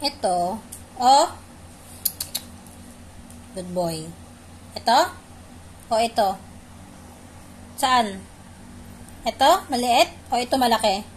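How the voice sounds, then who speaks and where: A woman's voice: fairly high pitch, takes it slowly, pauses often, a little hiss or hum. A woman playfully teasing her pet dog, repeating short commands and questions in a coaxing way. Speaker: pet owner.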